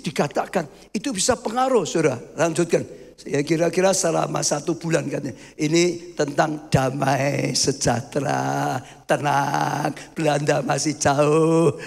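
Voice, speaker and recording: With a fairly high, creaky, slightly mellow voice, a pastor preaches emphatically, often addressing the congregation as brothers. The sermon takes place in a church hall and is marked by long reverb.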